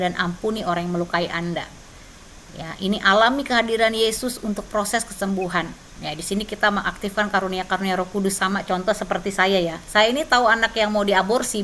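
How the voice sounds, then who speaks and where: A woman's voice: mid-range voice, pushed and bright, a little hiss or hum. A woman leading a church training session online, teaching and sharing personal testimony conversationally, often tagging her sentences. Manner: conversational, frequent tag questions.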